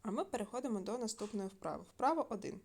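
Woman teacher giving a slow, clear video lesson. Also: mid-range voice, lively intonation, darkish tone. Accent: Ukrainian. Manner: slow, clear dictation with fillers. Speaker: primary school teacher.

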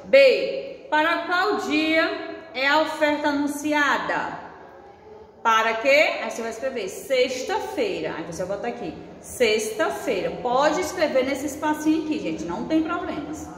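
A woman's voice: high-pitched, lively intonation, unhurried, fairly bright tone. A woman teaching a first-grade class, patiently sounding out letters and syllables. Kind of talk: recorded online class lesson. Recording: echoey room with faint noise.

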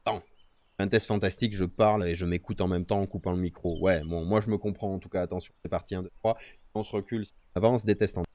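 Low-voiced man muttering through mic tests. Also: fairly even intonation, quick pace, a little mellow, dry recording. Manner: fiddling with mic settings, muttering to himself. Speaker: streamer. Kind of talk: casual live-stream chat. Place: outdoors in nature. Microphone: streaming microphone with noise gate.

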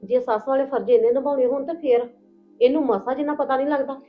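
A woman's voice: high-pitched, fairly even intonation, quick pace. A woman playing a blunt, motherly elderly aunt in a Punjabi village family drama, speaking with a Punjabi accent. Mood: scolding. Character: elderly paternal aunt, scolding and protective. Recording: tinny phone-like lo-fi with music.

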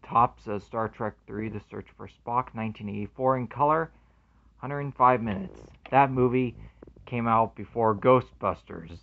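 A man unboxing a movie collection in casual commentary, earnestly excited, reading the labels aloud and calling each one very amazing. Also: medium pitch, unhurried, vocal fry, phone-quality sound.

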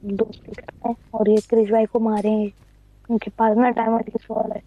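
A man's voice: sits high, monotone, fairly quick, no echo, muffled recording. A young male co-player who whines, pleads and jokes while they play. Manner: whiny, pleading, joking.

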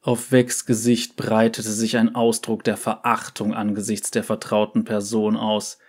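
Slow, measured male storyteller. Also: lowish voice, completely flat delivery, husky. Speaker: narrator. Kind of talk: scripted story narration.

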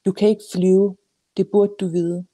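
A woman reading aloud and giving voice to an irritated mother who scolds in a sharp, exasperated way. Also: medium pitch, level tone, no room sound, lightly acted. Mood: scolding.

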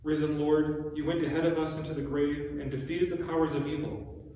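Man, solemn prayer leader, slightly high voice, very reverberant church recording. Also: flat delivery, mellow. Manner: solemn, measured. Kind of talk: reading liturgical intercessory prayer. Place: small church sanctuary, indoors. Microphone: distant camera. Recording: echoey church, distant mic, faint noise.

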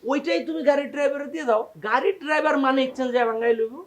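A man's voice: very high voice, very fast. A proud indignant father-in-law. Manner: indignant, scolding. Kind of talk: TV drama comedy acting. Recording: roomy, distant from the mic.

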